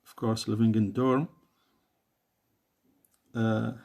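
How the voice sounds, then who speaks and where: Saudi accented guy teaching english, slow and careful, lots of uh, says everything twice, arabic is his first language. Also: on the low side, flat delivery, creaky, darkish tone. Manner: hesitant, many uh fillers, repeats each phrase. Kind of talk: classroom English lesson.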